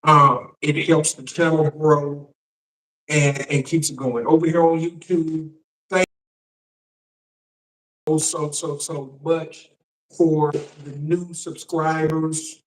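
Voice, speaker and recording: Male shock jock livestream host, slightly high voice, halting casual commentary with repeated words, recorded at a distance from the mic. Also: little pitch movement, fairly bright tone. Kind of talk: live political commentary, casual address to viewers. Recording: roomy echo, distant microphone.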